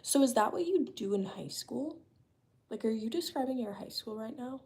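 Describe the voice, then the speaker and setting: Working from home, a young American woman in her early twenties chats with viewers in her live chat, her voice a little high and mellow with lively intonation at a normal speed. The conversation is casual and loose, dotted with "um" and "like".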